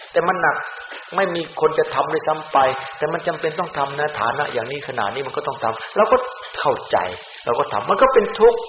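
A man, a Buddhist monk, giving a Dhamma sermon in an animated way. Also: medium pitch. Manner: animated, acts out other people's words in quoted voices. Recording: roomy, dull-sounding recording with faint hiss.

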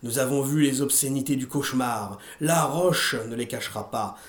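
A man reading aloud and voicing a fanatical old woman preaching a feverish, shouted sermon. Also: medium pitch, normal speed, echoey room, natural voice.

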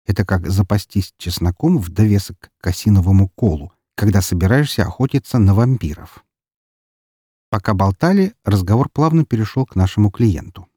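A man's voice: lowish voice, lively intonation, moderate pace, mellow, husky, dry recording. A man narrating a first-person audiobook in a dry, wry storytelling manner.

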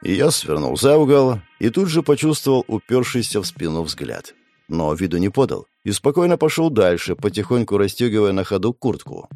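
A man reading a first-person audiobook in an expressive, storytelling voice. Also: lowish voice, normal speed, no echo, faint music behind. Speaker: audiobook narrator.

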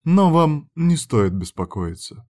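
Stern bossy hostess lady, a guy putting her on, raised a bit higher and louder, cold and clipped. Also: big pitch swings, takes it slowly. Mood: placating. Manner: cold, commanding, then smoothly apologetic. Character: stern female hostess of an establishment.

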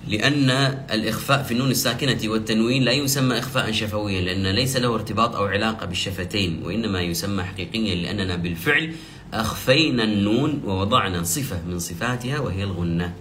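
A man teaching the rules of Quranic recitation, explaining step by step and slowly drawing out the example verses he recites. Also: on the low side, a bit bright, a little hiss or hum. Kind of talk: tajweed lesson.

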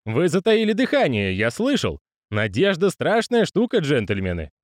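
A man's voice: on the high side, huge pitch swings, moderate pace, no echo, clean studio sound, pitched above the performer's own voice. A man voicing a young con man who accuses his listeners in a theatrical, taunting way.

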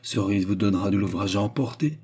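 Man doing a kind earnest workshop boss, low husky voice. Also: fast, mellow. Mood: kindly. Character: kind, good-hearted young workshop owner.

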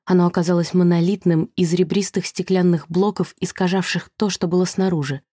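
Casting: woman audiobook reader, low, mellow, close and dry, steady tense telling. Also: husky, no echo. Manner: measured, tense storytelling. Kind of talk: scripted thriller narration.

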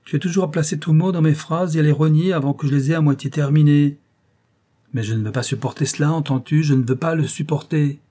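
A man reading an audiobook aloud, voicing a surly, bitter male innkeeper who grumbles and complains in a raised voice, husky and dark. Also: medium pitch, fairly even intonation, moderate pace, close to an everyday voice. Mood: angry.

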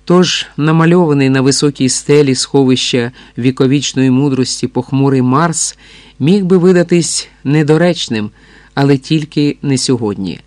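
A man's voice: medium pitch, normal speed, a little mellow, dry recording. Man narrating an audiobook, dry close sound. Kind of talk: scripted narration.

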